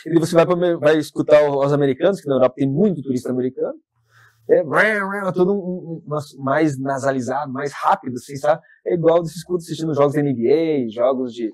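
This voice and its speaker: A man with a southern Brazilian accent, a podcast guest telling stories in a talkative, animated way. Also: on the high side, fairly quick, dry recording. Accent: southern Brazilian Portuguese. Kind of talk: casual interview chat.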